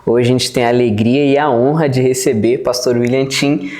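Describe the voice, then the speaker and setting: A man's voice: medium pitch, steady tone, moderate pace, darkish tone. A man hosting an interview, asking questions in a friendly, formal way. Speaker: interviewer, host. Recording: roomy echo.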